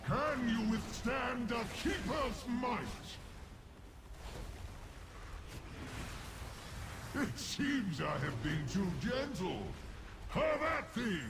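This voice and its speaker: A proud, thunderous storm spirit booms out slow, swooping challenges in grand archaic speech. It is an imperious video game boss, heard through loud combat noise. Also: male voice, animated, creaky, exaggerated voice. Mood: fierce, challenging. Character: proud, thunderous storm-wielding titan keeper judging champions.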